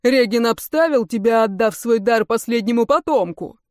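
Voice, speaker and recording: A woman voicing an enraged male fire mage and father, hurling accusations in raised, slow shouts. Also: fairly high pitch, lively intonation, dry recording, studio quality, close to an everyday voice. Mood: accusing.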